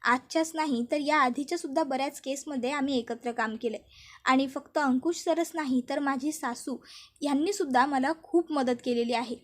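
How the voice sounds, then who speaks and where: A woman reading the lines of an earnest young married woman lawyer in a high voice. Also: close to an everyday voice.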